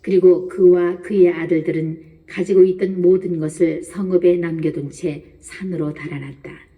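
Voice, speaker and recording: A woman narrating a Bible reading in a calm, measured way. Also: lowish voice, recorded from a distance.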